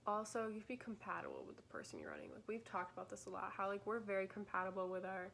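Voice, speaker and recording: A woman's voice: medium pitch, sing-song, rapid-fire, gravelly, noisy background. Chatty young woman vlogging. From Michigan. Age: young adult. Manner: chatty, filler-heavy, laughing. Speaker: vlog host. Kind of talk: casual chat on camera.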